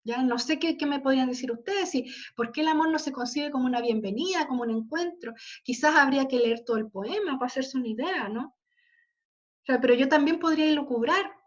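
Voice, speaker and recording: Woman, literature teacher, bright high voice, slightly muffled lo-fi sound, keeps checking the class follows. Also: a little fast. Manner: explanatory, peppered with "¿ya?" and "¿cierto?" checks. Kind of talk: online class lecture. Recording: slightly dull lo-fi audio.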